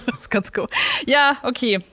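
A woman's voice: fairly high pitch, pushed and bright. A woman hosting a local newspaper podcast in casual chat, rambling and laughing often.

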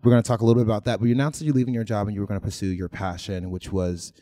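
A man's voice: on the low side, steady tone, racing, mellow, dry recording, clean studio sound. A man hosting a casual podcast interview, joking and rambling and laughing at his own slips. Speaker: podcast host.

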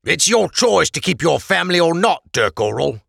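A man's voice: on the high side, big pitch swings, moderate pace, gravelly, a bit bright, slightly rough, no echo, clean studio sound, pitched above the performer's own voice, full character voice. A man voicing a scheming male merchant neighbor who speaks in odd, stilted phrases. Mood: threatening.

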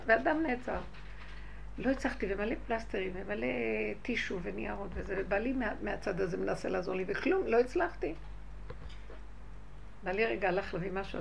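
A woman giving a religious talk to a group, telling personal stories and speaking straight to her listeners, moving from quiet, hushed stretches to loud outbursts. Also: mid-range voice, gravelly, slight background noise. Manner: addresses listeners directly. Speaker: spiritual teacher.

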